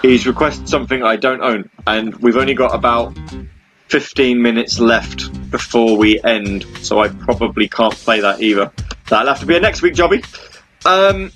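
A man's voice: mid-range voice, normal speed, a bit bright, faint music behind. A man in his thirties hosting an internet radio show, rambling chattily with lots of ums and restarts. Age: 30s. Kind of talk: casual chat.

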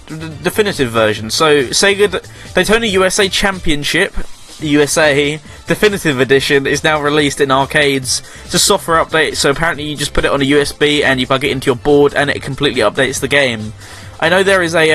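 A man's voice: a little high, a bit bright. A man hosting a radio show, chatting casually through a news roundup, rambling, correcting himself and joking sarcastically.

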